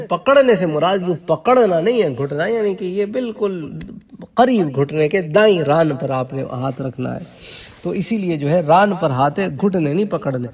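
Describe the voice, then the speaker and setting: A man's voice: fairly high pitch, darkish tone, breathy edge, recorded from a distance. A man who teaches religion, giving a lecture on prayer and explaining traditions step by step with asides to his listeners.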